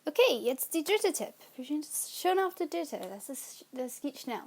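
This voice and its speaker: Hosting a study-tips video for her student channel, a young adult English-speaking woman learning German takes her time, casual and relaxed. Her slightly high, sing-song voice moves slowly and haltingly, with pauses and frequent self-corrections.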